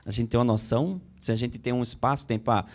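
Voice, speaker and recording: This Brazilian Portuguese-accented man, a psychologist guest in a conversational interview, talks quickly at a medium pitch. As he explains, he tends to repeat words mid-thought and voice inner thoughts aloud.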